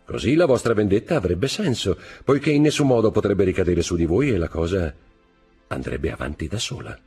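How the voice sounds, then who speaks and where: A man's voice: low voice, lively intonation, brisk, a little mellow, slightly rough, soft background music, voice pushed up, exaggerated voice. A man reading aloud voices a sly, scheming male accountant who insinuates and plays innocent.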